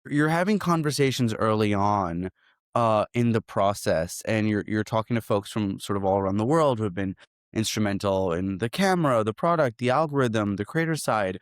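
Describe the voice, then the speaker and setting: Male guest from Hong Kong, low voice, dry close sound, reflective and relaxed, repeats phrases. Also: moderate pace, no echo. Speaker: guest, startup founder. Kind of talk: casual interview.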